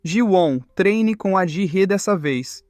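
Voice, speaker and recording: A man's voice: sits high, animated, slow, no echo. A man voicing a stern male training instructor giving curt commands. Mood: commanding.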